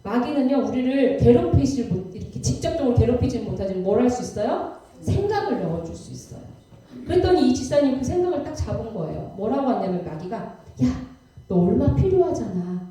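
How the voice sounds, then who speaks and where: A woman's voice: a little high, very animated, fast, warm tone, recorded from a distance. A woman missionary giving a sermon testimony, telling her story vividly and dramatically in a church. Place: church sanctuary. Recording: echoey church hall from afar.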